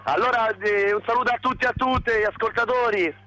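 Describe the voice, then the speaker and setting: A man's voice: extremely high pitch, steady tone, quick pace, sharp tone, poor audio. A man reporting by phone from an outdoor protest, talking casually with many fillers. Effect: heard over the phone. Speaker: activist calling in from a protest.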